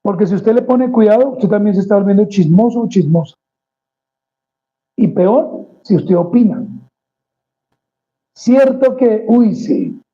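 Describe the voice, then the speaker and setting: A man's voice: high-pitched, lively intonation, measured pace, long pauses, warm tone, muffled recording. A male pastor delivering a conversational sermon, addressing the congregation as brothers and acting out small quoted exchanges.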